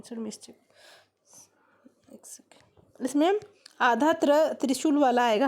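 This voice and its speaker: A woman teaching a grammar lesson at an unhurried pace, her voice a little higher than most. She breaks each word down step by step and keeps asking her students questions. A gravelly creak runs through her speech. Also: darkish tone.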